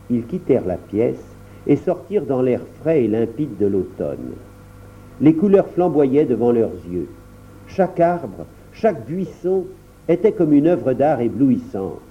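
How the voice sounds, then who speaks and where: A man narrating an audiobook with expressive storytelling. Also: mid-range voice, measured pace. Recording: dull lo-fi recording.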